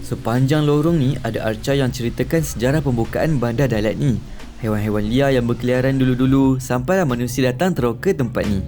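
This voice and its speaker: A man narrates a travel vlog at a brisk pace. His mid-pitched voice-over sits on a clear music bed. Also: dark tone.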